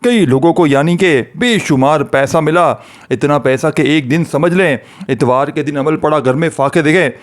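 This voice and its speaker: A man preaching in a fervent, pleading way, over and over calling out to his friends and listeners. His voice sits a little high for a man. He moves into an earnest prayer voice when he leads the blessing. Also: normal speed. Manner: pleading, repetitive addresses to friends. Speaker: religious preacher. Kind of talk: devotional talk to viewers.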